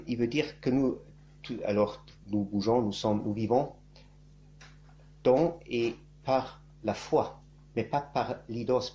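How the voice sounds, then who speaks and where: A German-born priest-monk delivers a spoken catechesis haltingly, groping for words and ending phrases with "hein." His male voice sits at medium pitch and sounds mellow, though the recording lacks high frequencies and carries slight hiss or hum.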